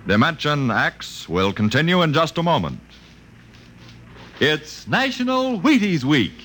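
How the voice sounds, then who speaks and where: Male radio pitchman, vintage scripted ad style, jovial, higher pitch, swooping intonation. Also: huge pitch swings, unhurried, background noise. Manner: jovial, bantering. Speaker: radio announcer and sponsor pitchman. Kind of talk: scripted 1950s radio ad patter.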